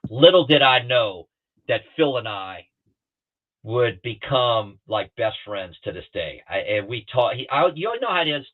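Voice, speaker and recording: Heard on a tinny line, a pilot appearing as a talk-show guest spins rambling, animated stories, restarting often and acting out quotes. He speaks unhurriedly in a mid-range voice.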